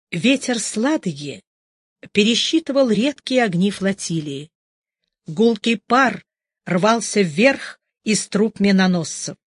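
A narrator reading a literary story aloud in a measured, even storytelling manner, recorded close to a studio mic. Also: medium pitch, no room sound. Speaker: audiobook narrator.

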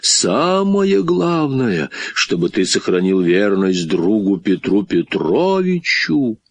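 A man reading a storybook aloud, voicing a fearless male figure who speaks slowly and calmly, half singing. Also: fairly low pitch, highs cut off, full character voice. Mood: sing-song. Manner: slow, calm, sing-song. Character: fearless male night visitor Hercules.

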